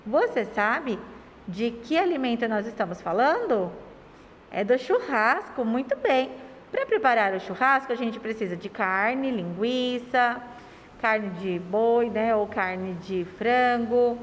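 A Brazilian woman teacher talks to young children in a slightly high, sing-song voice. She drags out syllables and keeps asking affectionate questions. The recording has a long room reverb and faint background noise. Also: animated. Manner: sing-song, stretches words and syllables slowly. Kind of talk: remote lesson for young children.

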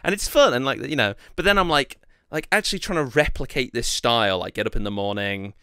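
A young man rambles through a relaxed podcast conversation, full of restarts and fillers. His voice is bright and smooth. The sound is close and dry, with no room around it. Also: mid-range voice, fast, no room sound. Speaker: podcast co-host. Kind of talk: casual chat.

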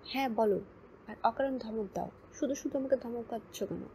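A woman voicing a stubborn teenage girl student who answers in a sharp, snappish way. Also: on the high side, normal speed, slight background noise, natural voice, rough recording.

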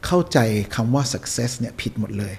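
A man's voice: mid-range voice, lively intonation, normal speed, creaky, darkish tone, slightly rough. A man talking as a podcast guest, giving emphatic motivational advice and hammering home his points. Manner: emphatic, preachy, repeats key points. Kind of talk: motivational conversation.

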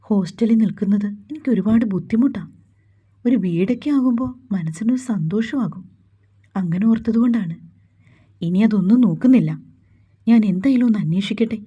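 A woman voicing a gentle, hesitant young woman doctor in a storybook, speaking softly and pleadingly. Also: mid-range voice, a little fast, long pauses, breathy edge, highs cut off, lightly acted. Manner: soft, pleading.

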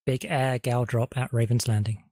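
A man's voice: mid-range voice, steady tone, moderate pace, a little mellow, no echo, studio quality. A man giving clipped squad leader reports, heard over team voice comms as if from a distance. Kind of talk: tactical radio callouts.

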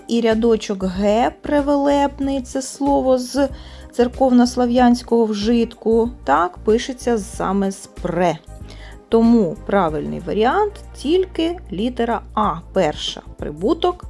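A woman teacher walking through exam tasks, slowly stressing each example word as she explains. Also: on the high side, vocal fry, dark tone. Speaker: language teacher. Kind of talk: exam prep lesson.

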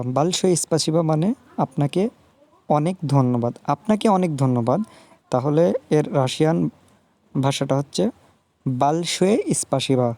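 A man gives a video language lesson in a fairly high voice. He talks patiently and repeats each word and its meaning several times, slowing down to sound it out. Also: darkish tone, no echo. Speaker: language teacher.

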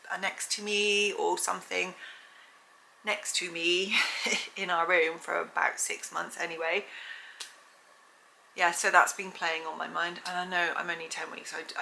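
A woman's voice: on the low side, vocal fry, slight background noise, rough recording. A woman in her forties giving a chatty pregnancy update vlog, slightly out of breath. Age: 40s. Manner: chatty, upbeat, breaks into excited whoops. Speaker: vlogger.

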